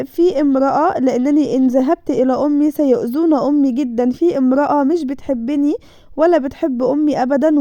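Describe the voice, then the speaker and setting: A woman's voice: sits high, mellow, dry recording, close to an everyday voice. A woman voicing a scared young girl. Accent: Egyptian Arabic. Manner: pleading, anxious. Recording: dull dry lo-fi recording.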